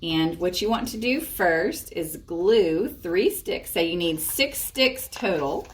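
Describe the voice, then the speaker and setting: Picked up by a far-off microphone in an echoey room, with slight background noise, a fairly low-pitched woman presents storytime at a library. She reads to young children and walks them through crafts with lots of expression.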